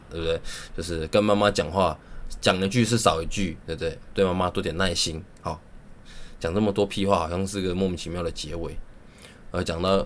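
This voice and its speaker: Fast-talking, deep-voiced young Taiwanese man. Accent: Taiwanese Mandarin. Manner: rambling, swears freely, laughs at own jokes. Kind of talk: casual storytelling monologue.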